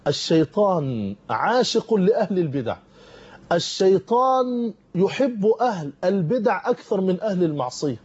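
In a studio, a man preaches a televised sermon in an Egyptian Arabic accent, issuing fervent, urgent warnings to his listeners. His voice sits high with a sing-song lilt, a darkish, breathy tone and a moderate pace. The audio has its highs cut off.

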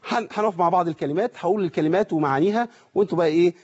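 A man with an Egyptian accent teaches recitation in a quick, questioning manner and slows down sharply to model each word. His voice is husky and slightly high for a man. The audio sounds muffled, like a broadcast. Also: a little mellow. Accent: Egyptian Arabic. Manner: asks rhetorical questions, demonstrates pronunciation slowly. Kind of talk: televised lesson.

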